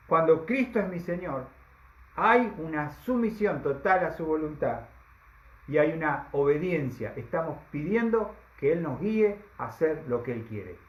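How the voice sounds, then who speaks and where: A high-pitched man preaches with emphasis, dragging out key phrases and tossing rhetorical questions to the congregation. His voice rings through a reverberant hall. The recording sounds dull and lo-fi. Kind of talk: sermon.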